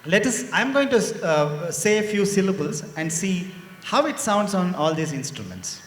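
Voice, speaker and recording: A man leads a live lecture-demonstration, his voice sitting a little high and swinging widely as he playfully coaxes the audience to join in. The sound is roomy, with a long hall reverb and a faint hiss behind him. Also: very animated, moderate pace, a bit bright. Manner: playful, coaxing the audience to chant along. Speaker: musician leading a lecture-demonstration. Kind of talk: interactive teaching to a live audience. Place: large indoor hall.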